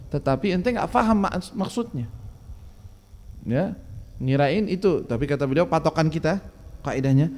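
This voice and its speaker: Fairly high-voiced man teaching a lively religious lesson. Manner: lively, fires rhetorical questions and reads Arabic lines slowly before explaining them. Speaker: religious teacher leading a kitab study.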